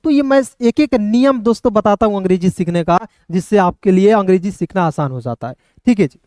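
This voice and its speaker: A man teaching English pronunciation in an online lesson, spelling words slowly letter by letter and repeating questions and answers to drill his viewers. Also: sits high, animated, a little mellow, dry recording, studio quality. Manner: addresses viewers as friends.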